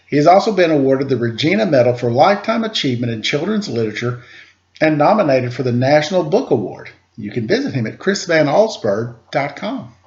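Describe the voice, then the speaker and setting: Speaking into a computer microphone, a male storyteller hosts a picture-book session for children, opening with a casual, chatty introduction before reading aloud expressively. His medium-pitched voice is playful and informal, though the recording sounds muffled.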